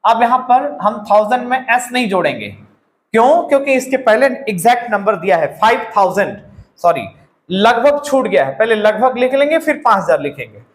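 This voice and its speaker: Man, Indian accent, teacher, high voice, repeats phrases, roomy echo. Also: very animated. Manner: explains slowly, repeating words and phrases. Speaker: English grammar teacher. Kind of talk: classroom-style grammar lesson.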